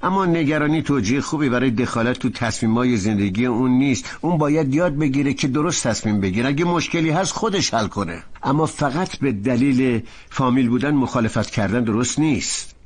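A man dubbing a level-headed husband who reasons gently with his wife. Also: mid-range voice, expressive, natural voice. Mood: reasoning. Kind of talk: Persian dubbing of a TV drama.

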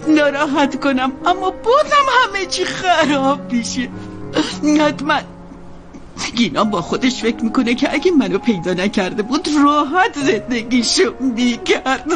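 A woman voicing a worried aging mother in a dubbed TV drama, soft-spoken and tender. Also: sits high, very animated, music in the background. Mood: tearful.

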